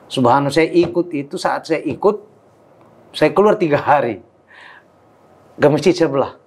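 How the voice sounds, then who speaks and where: A man's voice: on the high side, normal speed, darkish tone, slightly rough. A man from Timor, an Islamic preacher, telling his life story in a casual interview, acting out quoted dialogue and laughing often.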